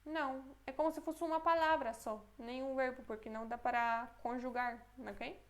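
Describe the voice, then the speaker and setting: A Brazilian woman teaching a language lesson, repeating words slowly, thinking aloud and checking in often with her student. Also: sits high, fairly even intonation. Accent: Brazilian Portuguese. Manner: thinks aloud, unsure and self-correcting. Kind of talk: Portuguese-language Polish lesson.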